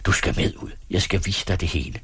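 A man's voice: low voice, fairly bright tone, slightly rough, dry recording, exaggerated voice. A man voicing an eager middle-aged husband who enthusiastically points out the sights of his new town. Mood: enthusiastic.

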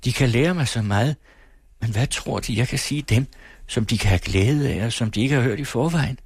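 A man's voice: mid-range voice, slightly rough, no echo, clean studio sound. A man reading aloud, voicing a shy, earnest young woman who speaks eagerly and breathlessly. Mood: shy doubt.

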